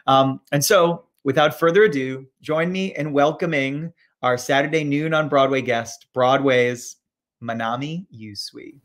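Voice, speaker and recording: A man's voice: medium pitch, a bit bright. A man hosting a casual live-stream interview, chatty and self-deprecating, with plenty of fillers. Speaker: host.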